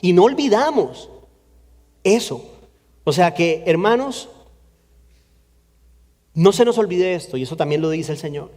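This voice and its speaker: A man's voice: high-pitched, sing-song, unhurried, pauses often, darkish tone. A man preaching a sermon earnestly in a church, repeating phrases for emphasis. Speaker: pastor. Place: church sanctuary. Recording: long church reverb.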